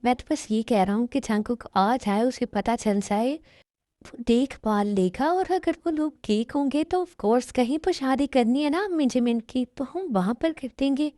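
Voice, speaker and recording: A woman voicing a calm, easygoing father in an amateur Hindi dubbed drama, speaking in an unhurried, dismissive way. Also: high voice, dry recording, clean studio sound, natural voice.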